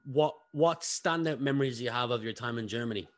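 A man hosting a business podcast, interviewing a guest in a quick, chatty way. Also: mid-range voice, dry recording. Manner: fast-talking, admits speaking fast. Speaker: podcast host. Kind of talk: casual interview.

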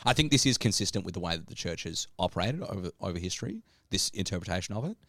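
A man with a fairly low voice co-hosts a casual podcast chat, animated and rambling, often restarting his sentences. He is recorded close and dry, with no room sound around him. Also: fast, no room sound. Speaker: podcast co-host. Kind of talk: casual discussion.

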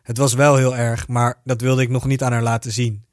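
Man, storyteller, first-person narration, steady even delivery, dry close sound. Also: medium pitch, moderate pace, no room sound.

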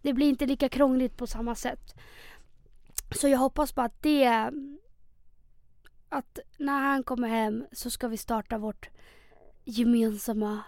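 Young woman, mid-twenties, podcast host, animated casual chat, dry close-mic sound. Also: on the high side, long pauses, no echo. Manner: animated, chatty, repeats words when starting.

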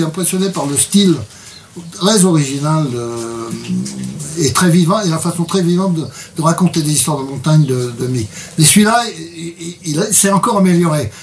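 A man's voice: a little high, a little hiss or hum. Hesitant man, a bit distant from the mic. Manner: hesitant, repeats words. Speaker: translator presenting a book. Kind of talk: casual interview chat with read excerpt.

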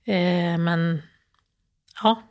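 A middle-aged woman from Sweden speaks as an interview guest, telling her story in halting phrases. She fills her speech with fillers and restarts and acts out the old phone calls in her own voice. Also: fairly low pitch, steady tone, a little mellow. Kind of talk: personal interview, emotional storytelling.

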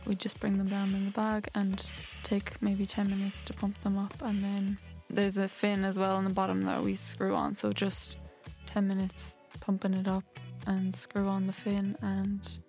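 Interviewee: young woman, seventeen, west of Ireland accent, casual, monotone delivery, music clearly behind. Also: medium pitch, moderate pace, few pauses. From Galway, Ireland. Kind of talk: casual explanation.

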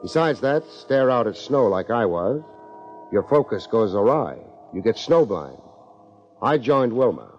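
A man's voice: mid-range voice, very animated, measured pace, a little mellow. A man narrating and acting as a hard-boiled detective in an old radio mystery, in a terse, clipped manner. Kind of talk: 1950s radio drama narration. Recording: dull old radio broadcast with music.

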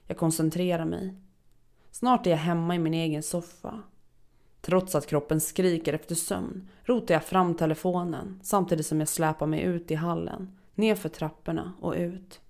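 A woman narrating a first-person horror story in a steady, dark storytelling manner. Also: low-pitched, creaky.

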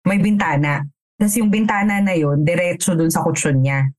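A woman's voice: on the low side, moderate pace, darkish tone. A woman around thirty telling a frank, profane story with many fillers in a casual podcast chat. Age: 30s. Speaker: podcast co-host.

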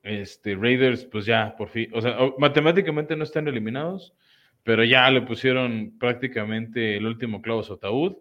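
Co-hosting a laid-back sports talk podcast, this man analyzes games in a mid-range voice at normal speed, leaning heavily on fillers. It's recorded in muffled, lo-fi sound.

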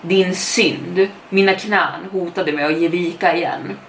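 A woman telling a first-person horror story as a podcast storyteller, in a measured, suspenseful reading. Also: fairly low pitch, steady tone, a bit bright. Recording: echoey room, distant mic, faint noise.

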